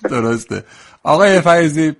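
A man's voice: fairly high pitch, expressive, gravelly. A man hosting a radio interview, asking questions in a friendly, teasing way. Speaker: radio host.

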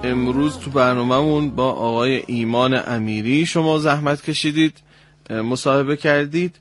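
A man hosting a radio program, calmly correcting a caller's recitation and demonstrating sounds. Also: mid-range voice. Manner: explains points slowly, demonstrates sounds. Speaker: radio host and Quran recitation teacher. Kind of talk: instructional radio talk.

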